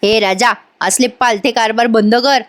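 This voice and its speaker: A teasing brother who needles and mocks his sibling, as a woman narrator puts him on. The tone drops a little lower than her narration. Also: steady tone, moderate pace, lightly acted. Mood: mocking. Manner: mocking, needling. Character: teasing mocking brother-in-law.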